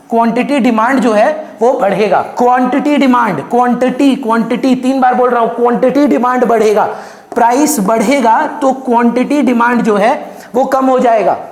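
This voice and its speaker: A man giving a fast exam revision lecture on economics, emphatic and repeating key terms, switching English terms into his speech. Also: extremely high pitch. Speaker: economics teacher. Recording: echoey room.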